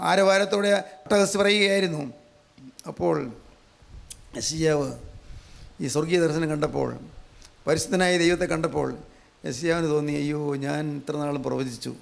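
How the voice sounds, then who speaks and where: A man's voice: sits high, clear, resonant tone. A male preacher giving a fervent sermon, emphatic and repetitive, often asking his listeners questions. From Kerala, India. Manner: emphatic, repeats phrases, asks the audience questions.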